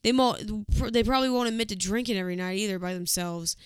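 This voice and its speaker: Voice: medium pitch, fast talker, smooth, no echo, clean studio sound. A podcast co-host telling a story in casual chat, blunt and swearing freely.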